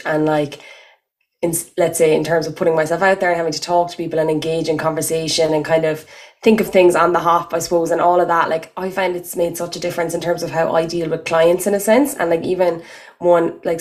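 A woman's voice: low-pitched, flat delivery, fast talker, darkish tone. A young woman with an Irish accent hosting a podcast in a casual, colloquial way, peppering her talk with "like". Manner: colloquial, heavy use of "like". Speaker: podcast host. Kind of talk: casual chat.

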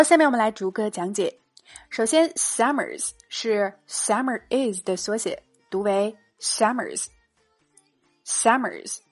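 Female English teacher, mid-pitched voice, careful demonstrations, faint music underneath. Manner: slow, careful model pronunciation. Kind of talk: spoken English lesson.

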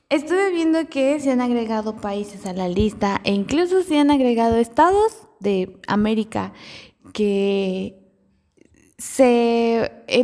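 A woman's voice: a little high, dark tone, big-room sound. A woman hosting her own podcast in a chatty, self-deprecating monologue, thinking aloud with fillers. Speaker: podcast host. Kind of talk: casual solo podcast monologue.

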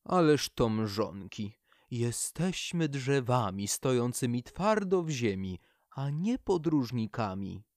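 A man voicing a chatty, practical old female birch tree in a storybook, high and exclaiming. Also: sing-song, slow, a little mellow, dry recording, clean studio sound. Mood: incredulous. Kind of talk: storybook character voice.

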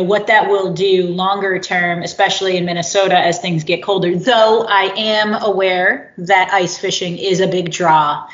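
A woman with a fairly low voice hosts a relaxed conversational interview. She is curious and thinks aloud as she asks questions. The recording sounds dull and lo-fi. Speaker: podcast host.

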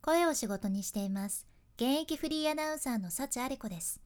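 A woman host with a Kyushu accent talks in a high, bright-pitched voice that rises and falls a great deal. She moves easily between polished announcer phrasing and relaxed dialect chat, like a friendly podcast. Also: a little fast. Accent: Kyushu Japanese. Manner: mixes polished announcer delivery with chatty dialect asides. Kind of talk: casual podcast talk with tips.

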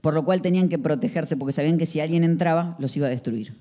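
A man's voice: on the high side, quick pace, dark tone. A man preaching a sermon, emphatic and full of rhetorical questions.

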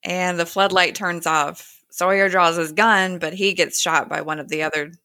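A woman's voice: fairly low pitch, fairly even intonation, moderate pace, pushed and bright, no room sound, studio quality. A woman casually recapping a TV episode, storytelling with giggles and hummed cues.

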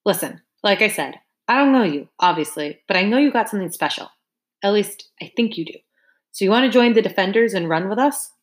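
A woman's voice: mid-range voice, animated, a little fast, natural voice. A woman voicing a brash, pushy male track coach in an audiobook, firing off persuasive questions. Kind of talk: audiobook character voice.

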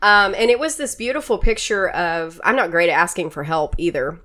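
A woman's voice: lowish voice, brisk, sharp tone. Earnest unmarried woman sharing a trip. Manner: earnest, heartfelt, with small restarts. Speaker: guest. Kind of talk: casual podcast chat.

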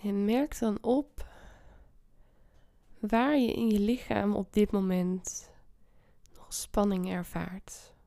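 A woman guiding a meditation softly and soothingly, half whispering close to the ear, slowly and with long pauses. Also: medium pitch, fairly even intonation, vocal fry, dry recording. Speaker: meditation podcast host. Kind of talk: guided meditation.

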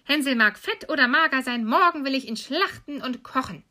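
A woman voicing a wicked old witch who talks drawn-out and shrill, with mocking cackles. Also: animated, sharp tone. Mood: scornful.

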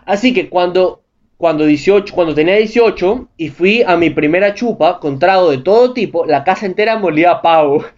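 High-voiced man riffing crudely. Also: brisk, muffled recording. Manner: crude, excitable slang-heavy riffing. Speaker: host reading viewer anecdotes. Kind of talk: comedic commentary vlog.

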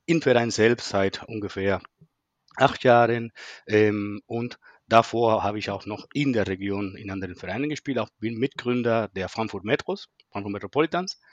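Low-voiced man with many fillers, dry sound. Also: normal speed, no echo, muffled recording. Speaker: club president, podcast guest. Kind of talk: casual interview talk.

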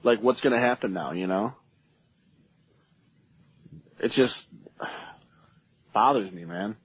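A man's voice: on the low side, takes it slowly, husky. A man co-hosting a podcast in casual, enthusiastic, slangy chat. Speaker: podcast co-host. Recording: slightly dull, lo-fi sound.

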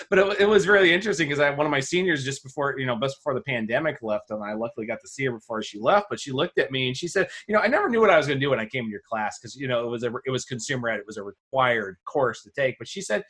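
A man talking quickly and casually on a podcast about his teaching. He rambles through classroom anecdotes, restarting sentences and acting out what students said. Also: a bit bright, breathy edge. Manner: rambling storyteller, acts out quoted students with a high voice. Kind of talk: casual conversation.

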